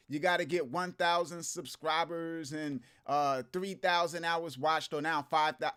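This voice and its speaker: A man with a notably high voice hosts a casual live news commentary. He is feeling a bit sick and pushes on anyway. His delivery is informal and conversational, addressed straight to the viewers. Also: fairly bright tone, clean tone. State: under the weather, feeling sick. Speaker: host of music business channel.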